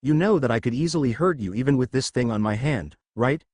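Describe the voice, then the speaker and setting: A man's voice: medium pitch, lively intonation, fairly quick, darkish tone, close to an everyday voice. A man voicing a scornful young female villain in a read-aloud story.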